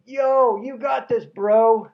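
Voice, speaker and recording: A man voicing an enthusiastic, bubbly seventeen-year-old boy who talks in excited bro-speak. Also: very high-pitched, takes it slowly, lo-fi sound, pitched above the performer's own voice, exaggerated voice. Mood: cheering.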